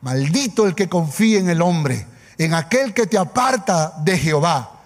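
A man's voice: sits high, animated, unhurried. A man preaching a sermon with emphatic repetition, calling on the congregation for an amen. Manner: emphatic, calls for amen, repeats phrases. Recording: long hall reverb.

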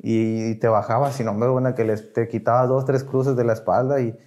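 A man's voice: mid-range voice, level tone, fairly quick, a little mellow. This young man speaks with a Mexican accent and a mid-range voice. He is a podcast guest, and he tells his story in slang, with real emotion. He acts out the voices of the people he is quoting as he goes. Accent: Mexican Spanish. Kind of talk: casual conversation.

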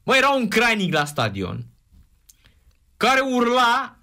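A man in casual sports chat, an animated storyteller reminiscing about football. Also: very high voice. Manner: animated storyteller, shouts imitations.

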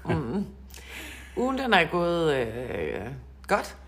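A woman's voice: fairly low pitch, huge pitch swings. A woman co-hosting a casual podcast chat, a coach who talks in a chatty, laughing way and often repeats words.

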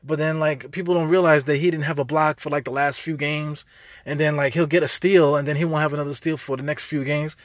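A man's voice: fairly high pitch, steady tone, brisk, dry recording, clean studio sound. A man with a New York accent hosting a podcast, ranting off the cuff in streetwise slang, repeating himself as he gets worked up. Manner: fired-up, rambling, repeats words, streetwise slang. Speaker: podcast host. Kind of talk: unscripted sports rant.

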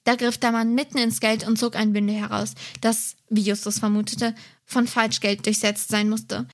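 Woman reading a story aloud, slightly high. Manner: steady, measured storytelling. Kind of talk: reading a novel excerpt aloud.

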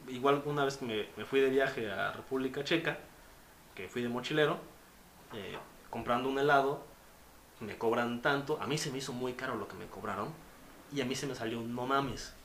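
A man's voice: medium pitch, normal speed. A young Mexican man with a Mexican accent, telling stories in casual, slangy chat. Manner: storytelling, slangy, animated retellings. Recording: roomy with faint noise.

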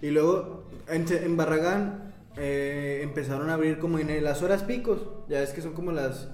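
A man's voice: a little high, moderate pace, a little mellow, reverberant. A man chatting casually with friends, rambling, laughing often and swearing freely. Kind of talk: casual chat among friends.

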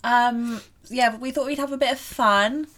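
A woman's voice: fairly high pitch, normal speed, a crowd in the background. A young woman co-hosting a podcast, chatting casually and giggling often. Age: 20s. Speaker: podcast co-host. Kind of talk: casual chat.

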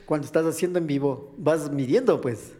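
A man, a comic actor telling a story in an interview, acting out voices with sudden high shouts and laughs. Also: fairly quick. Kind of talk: casual interview, animated storytelling.

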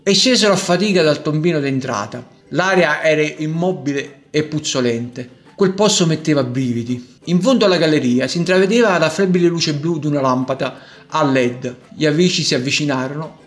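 A man narrating a children's storybook in a gentle, measured way. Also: fairly high pitch.

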